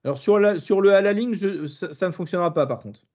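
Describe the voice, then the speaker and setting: A man with a southern French accent runs a live webinar demonstration, slightly high-voiced. He talks hesitantly, with many fillers and restarts. The audio sounds a little muffled. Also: fairly quick, darkish tone. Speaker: webinar trainer.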